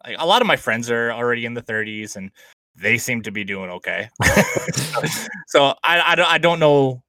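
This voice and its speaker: A man's voice: medium pitch, animated, sharp tone, dry recording. A man of thirty hosting a casual podcast chat with his brother over a laptop call, upbeat and joking. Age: 30s. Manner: upbeat, joking, quick asides. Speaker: podcast host. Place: small apartment at home. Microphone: remote call from a laptop.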